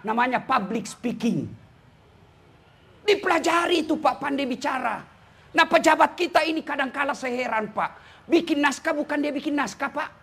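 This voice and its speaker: Male preacher, Makassar Indonesian accent, very high and forceful voice, joking and scolding from the pulpit. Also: creaky, husky. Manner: teasing, scolding the audience with jokes. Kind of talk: lively Islamic sermon.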